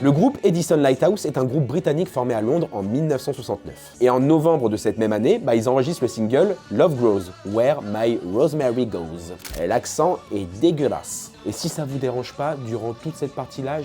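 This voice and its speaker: Slangy, animated young man, dark voice. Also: medium pitch, fairly quick, hardly any pauses, faint music behind. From France. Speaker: YouTuber. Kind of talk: casual vlog talk.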